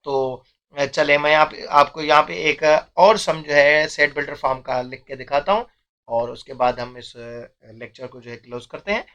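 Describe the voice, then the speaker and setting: Young male math teacher, bright tone, patient step-by-step lesson. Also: a little high, moderate pace, muffled recording. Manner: explains step by step, often says "theek hai".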